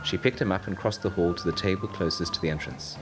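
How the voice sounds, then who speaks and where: A man narrating an audiobook story in a steady, measured way. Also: low voice. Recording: narration over loud music.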